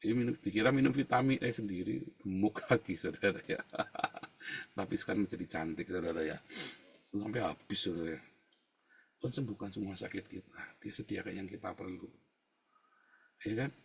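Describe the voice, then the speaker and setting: A male pastor, preaching conversationally to his congregation and swinging between quiet asides and loud, emphatic outbursts. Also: on the low side, normal speed, creaky, long pauses, breathy edge. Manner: conversational preaching, constantly addressing listeners as brothers and sisters. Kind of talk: sermon with personal testimony.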